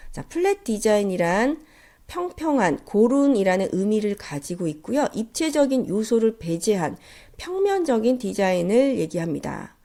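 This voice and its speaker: A woman's voice: mid-range voice, sing-song, moderate pace, dark tone. A woman lecturer with a nasal, stuffed-up cold voice, giving a polite, explanatory lesson. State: congested with a cold. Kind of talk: instructional slide lecture.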